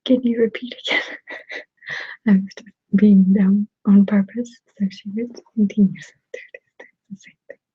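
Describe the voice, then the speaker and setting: A woman chatting to viewers in a soft, unhurried whispered ASMR style. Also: mid-range voice, level tone, slightly rough, no echo. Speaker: ASMR creator. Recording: dry tinny phone-like sound.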